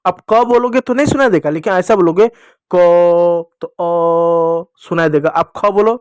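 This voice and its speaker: A man teaching children, patiently repeating each sound slowly and drawing out the vowels. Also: sits high, expressive, no room sound, clean studio sound. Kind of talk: Hindi lesson for children.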